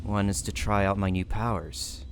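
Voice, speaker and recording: A man's voice: on the low side, steady tone, moderate pace. A man giving in-character gameplay commentary, with muttered asides and plans. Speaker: gamer role-playing the protagonist. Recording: noisy, game sounds behind.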